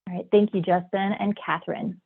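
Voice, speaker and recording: A woman's voice: mid-range voice, fairly even intonation, fairly quick, gravelly, no room sound. Nasal woman with a cold, online workshop presenter, upbeat chatty delivery, dry, phone-like sound. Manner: enthusiastic, chatty. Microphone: video call. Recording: dry, phone-like video call audio.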